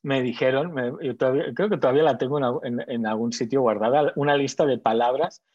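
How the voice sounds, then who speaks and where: A man in his thirties with a Spanish accent talks about his work as a TV weather presenter, stopping and restarting often with plenty of fillers. His voice is mid-pitched and close to the mic. The sound is dry and a little muffled. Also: fast, a little mellow, no echo. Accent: Spanish from Spain. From Spain. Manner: hesitant, many restarts and fillers. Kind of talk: interview answers, casual.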